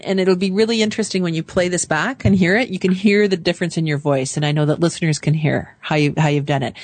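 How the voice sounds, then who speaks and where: A woman hosting a call-in show, calmly leading a caller through affirmations phrase by phrase. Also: low-pitched, no echo. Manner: calm, slow, leads phrases for repeating. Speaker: radio show host and coach.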